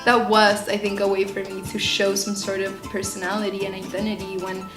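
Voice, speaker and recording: A Chilean student in her 20s gives a personal, reflective talk as an interviewee, earnest and thoughtful, occasionally searching for words. Her medium-pitched voice is completely flat and brisk, ringing through a roomy, echoing space with guitar music clearly playing beneath.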